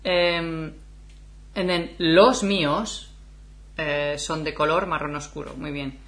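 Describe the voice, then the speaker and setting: Woman, forties, lowish voice, chatty teacher who laughs easily, casual lesson. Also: steady tone, unhurried, fairly bright tone. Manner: chatty, laughs often, switches between Spanish and English. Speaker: Spanish teacher.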